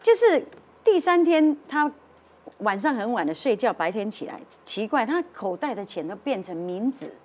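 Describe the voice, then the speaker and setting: Husky Taiwanese-accented woman telling a story. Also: fairly high pitch, very animated, normal speed. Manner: acts out the voices of the people in her story, switching into Taiwanese. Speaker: guest storyteller on a talk show. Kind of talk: animated storytelling. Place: television studio.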